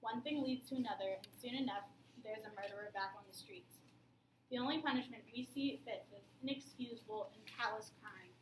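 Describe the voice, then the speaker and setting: A young woman acting as prosecutor in a mock trial, reading a closing statement in a steady, emphatic way. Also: medium pitch, a little fast, lightly acted. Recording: echoey room with background noise.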